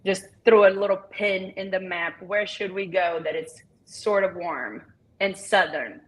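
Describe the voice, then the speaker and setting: A Brazilian woman in her thirties, a business owner whose first language is Portuguese, chats easily and laughs as a guest in a casual interview. She speaks with a Brazilian accent in a mid-range voice, a little slowly, on a rough recording.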